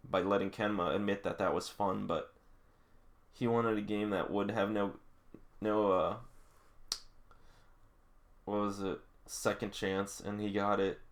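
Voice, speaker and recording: A man with a lowish, fairly bright voice reads along with a manga, reacting as he goes in a casual, emotional way. Like an absorbed fan, he frequently breaks into exclamations.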